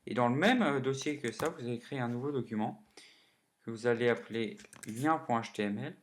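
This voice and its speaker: A man's voice: medium pitch, a little fast, slight background noise. A man hosting a casual coding lesson, chatty and full of fillers, self-corrections and little joking asides. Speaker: coding tutorial host.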